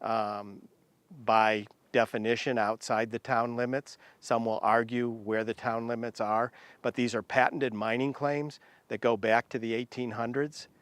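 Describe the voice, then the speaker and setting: A man speaking deliberately and emphatically in an interview for a mining company. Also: mid-range voice, little pitch movement, fairly bright tone, no echo.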